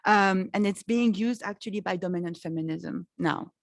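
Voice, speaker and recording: A woman's voice: medium pitch, normal speed, creaky, dry recording, studio quality. A woman of the Lebanese diaspora, raised in France, speaking frankly and reflectively on a panel, with restarts. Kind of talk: panel discussion.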